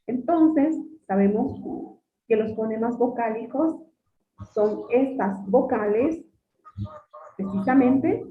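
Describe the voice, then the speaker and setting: A woman's voice: fairly high pitch, animated, takes it slowly. A woman teacher giving an online class, explaining patiently, repeating her points and calling her students "jóvenes". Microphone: computer mic on a video call. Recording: echoey, phone-like video call audio.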